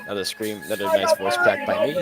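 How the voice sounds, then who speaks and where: A man's voice: on the low side, fast, over loud music. A man casually narrating a recap of a robot fight over footage, rambling with many fillers and restarts. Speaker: robot builder recapping his event.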